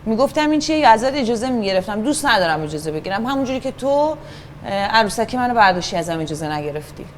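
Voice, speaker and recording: A woman's voice: on the high side, big pitch swings, a little hiss or hum. A woman playing a stubborn, unapologetic brother who teases and argues back in an improvised acting scene. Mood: defiant. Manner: taunting, stubborn back-and-forth. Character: defiant teasing brother, unapologetic.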